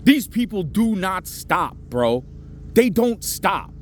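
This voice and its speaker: Phoning the police, this middle-aged man rants in an agitated, meandering way packed with profanity. He speaks slowly in a high, sing-song voice. The line is noisy, and traffic can be heard in the background.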